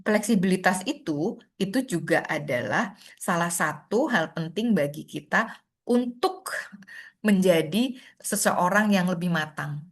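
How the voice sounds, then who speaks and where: A middle-aged woman, a clinical psychologist, gives a gentle, explanatory webinar lecture over a video call, often tagging her points with soft checks for agreement. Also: on the low side, expressive, measured pace. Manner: gentle, explanatory, many "gitu ya" tags.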